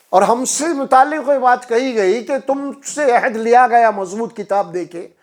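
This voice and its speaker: High-voiced preacher man chanting verses. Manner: preaching with rising emphasis, chanting Arabic verses. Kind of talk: Quran lesson sermon.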